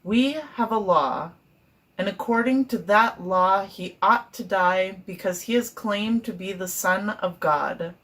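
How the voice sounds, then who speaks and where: A woman reading the part of insistent accusing leaders in a church passion reading, in a slow, deliberate way. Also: medium pitch, fairly bright tone. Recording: distant mic.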